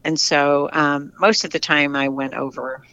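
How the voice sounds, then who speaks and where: A retired American cyclist in his or her sixties gives casual interview answers, chatty and candid, with lots of restarts and repeated words. The voice is medium-pitched and level, unhurried, bright, forceful and smooth. The recording is dry and dull.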